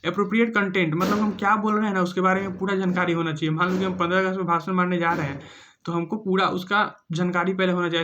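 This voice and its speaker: A man with a fairly high voice delivers a casual teacher-training lecture. He reads each English heading slowly, then explains it with simple everyday examples, often checking in with his listeners. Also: a bit bright, highs cut off, slight background noise. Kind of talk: casual exam-prep lecture.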